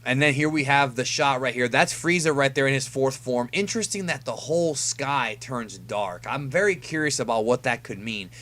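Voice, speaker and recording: A man's voice: mid-range voice, moderate pace, few pauses, a bit bright, faint music behind. A man hosting casual fan commentary on an anime episode preview, talking conversationally and stressing key words. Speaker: YouTube host reviewing an anime episode preview.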